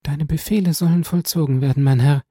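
A man reading aloud voices a devoted young woman, pitching his fairly high voice above his own natural range. His delivery is brisk and fairly even in intonation, warm with a breathy edge, in clean studio sound with no room sound. The character is imploring, speaking in a tender, pleading, tearful way.

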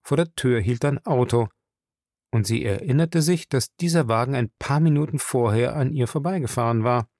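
Ein Mann liest einen Roman als Hörbuch, gemessen und ausdrucksvoll. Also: male voice, mid-range voice, moderate pace, a little mellow, no room sound, clean studio sound. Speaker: audiobook narrator. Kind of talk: scripted narration.

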